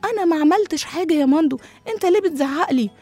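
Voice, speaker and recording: A small, worried younger brother pleads for help in a children's story, as a woman with an Egyptian accent voices him. His voice rides high and quick. Soft music hums underneath. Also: lively intonation, no room sound. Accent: Egyptian Arabic. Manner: anxious, pleading.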